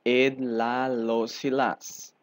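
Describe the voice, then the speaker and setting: Slow, deliberate male language teacher. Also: medium pitch, flat delivery, no echo. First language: Portuguese. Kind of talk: recorded grammar lesson.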